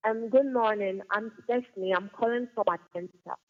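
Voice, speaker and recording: A woman's voice: fairly high pitch, normal speed. A woman calling in to a radio morning show, speaking hesitantly with fillers, heard through a clipped telephone line. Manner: hesitant, with fillers like "you know". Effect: clipped, narrow phone-line sound. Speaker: radio call-in caller. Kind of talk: phoning in to a morning talk show.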